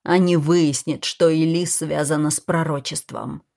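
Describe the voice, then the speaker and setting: A woman's voice: low-pitched, fairly even intonation, measured pace, vocal fry, darkish tone. A woman voicing an angry, protective man who speaks in a stern, clipped way in a storybook reading.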